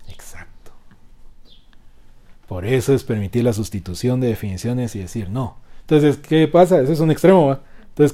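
A man delivers a sermon in call-and-response with his listeners. His voice is dark and mellow at a medium pitch. He rises loud for emphasis and then falls soft. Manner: animated, swings loud and soft. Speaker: preacher.

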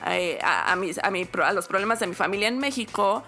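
A woman's voice: mid-range voice, a little fast, soft background music. A young woman from Mexico with a Mexican Spanish accent, telling a personal story in a casual podcast chat, acting out quotes. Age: young adult. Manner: animated storytelling with acted quotes.

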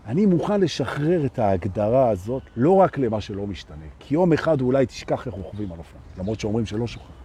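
A man giving a live spiritual talk to an audience, asking rhetorical questions and swinging between loud and soft. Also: medium pitch, sing-song, hardly any pauses, a little hiss or hum. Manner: rhetorical, keeps asking "right?". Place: outdoors with street noise.

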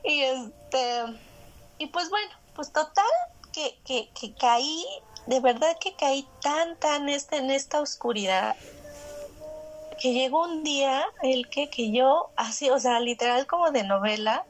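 A woman with a Mexican accent, telling a heartfelt personal story and repeating words in rapid bursts. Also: high voice.

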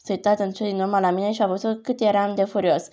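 Woman calmly reading a novel aloud. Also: medium pitch, dull audio. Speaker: audiobook narrator.

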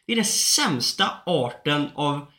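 Young guy ranting in casual chat, bright kinda high voice, echoey room. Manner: animated storytelling, swearing, acting out phone calls. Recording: roomy echo.

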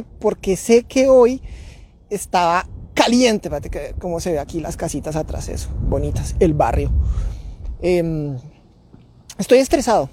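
A man's voice: sits high, dark tone. A man speaking outdoors in a neighborhood, hosting a parenting talk in a casual, reflective way, often repeating and restarting his words. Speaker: parenting podcast host.

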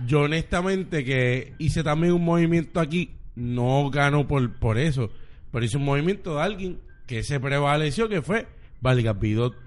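A man's voice: a little high, lively intonation, normal speed, a little hiss or hum. A Puerto Rican man in a casual group chat, speaking with passion, cursing freely and repeating his points for emphasis.

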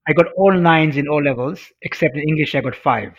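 Brisk and slightly rough, his voice a little high, a middle-aged Tanzanian man who grew up speaking Swahili relates a personal story during an interview. His telling is earnest and emphatic, full of repeated phrases, and the recording quality is dull and lo-fi.

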